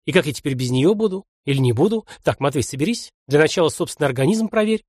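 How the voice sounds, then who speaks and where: A man in his fifties voicing a weak, bedridden man who talks to himself in a hoarse, halting, wry way. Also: a little high, lively intonation, darkish tone, dry recording, clean studio sound. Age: 50s. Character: weak bedridden man waking in a stranger's body.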